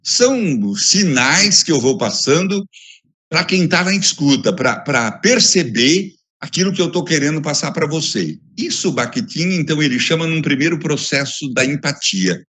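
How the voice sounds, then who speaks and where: Speaking with a Brazilian Portuguese accent, a man delivers an academic lecture through a phone video call, building his points with repeated lists in an emphatic, expressive way. His voice sits fairly high, with a moderate pace and a breathy edge.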